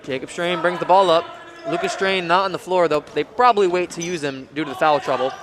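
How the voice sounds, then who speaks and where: A young man doing play-by-play commentary for a high school basketball game in a school gym, getting excited during fast plays. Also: a crowd in the background. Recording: noisy gym recording.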